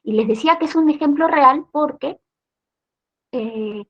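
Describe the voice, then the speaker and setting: A woman's voice: sits high, measured pace, a bit bright, lo-fi sound. A woman with a Peruvian accent teaching a training session for police, explaining step by step and often checking in with her listeners. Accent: Peruvian Spanish. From Peru. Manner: tag questions, explanatory. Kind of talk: training lecture.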